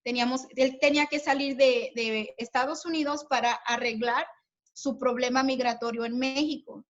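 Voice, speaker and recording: Addressing the women as sisters, a guest at a church meeting for women gives a heartfelt personal testimony, stumbling through many fillers and false starts. Her voice sits high and steady at an ordinary pace, and the video-call audio sounds lo-fi.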